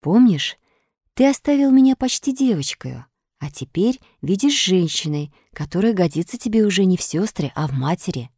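Gentle fairy, read by a woman. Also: mid-range voice, moderate pace, breathy edge, no room sound, studio quality. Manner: calm, soft, instructive. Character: kind grown-up fairy woman, gentle and patient.

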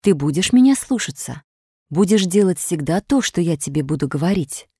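Patient fairy, gentle and instructive, low warm tone that rises and falls a lot, read by a woman. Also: normal speed, breathy edge, no room sound, studio quality. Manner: calm, soft, instructive.

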